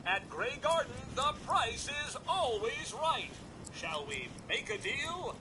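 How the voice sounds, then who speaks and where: Game show host robot. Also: male voice, very animated, takes it slowly, noisy background, exaggerated voice. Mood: salesy, excited. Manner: showy game show patter, exclamatory sales pitch. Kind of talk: video game dialogue.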